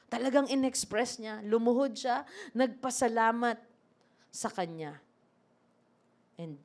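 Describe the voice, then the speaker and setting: A woman preacher giving a lively sermon, acting out scripture and asking the congregation questions. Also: medium pitch. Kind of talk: sermon mixing Tagalog and English.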